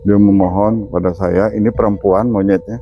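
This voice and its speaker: A man's voice: on the low side, fairly even intonation, moderate pace, muffled recording, slight background noise. A man, a spiritual healer, explaining on an outdoor ghost-hunting walk and commanding spirits sternly. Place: outdoors in a garden.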